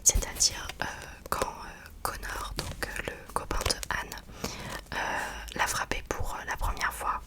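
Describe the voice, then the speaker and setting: A woman speaks in a soft, voiceless library whisper, chatting informally about books in ASMR style and hesitantly searching for words. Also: measured pace. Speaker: book review host. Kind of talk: whispered ASMR book chat.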